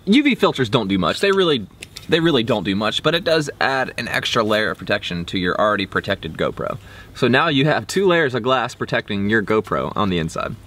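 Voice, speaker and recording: A man's voice: mid-range voice, fairly bright tone. Informal young man vlogging outdoors. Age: 20s. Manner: informal, slangy. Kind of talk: casual product review to camera. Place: outdoors, backyard and woods. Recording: faint outdoor background noise.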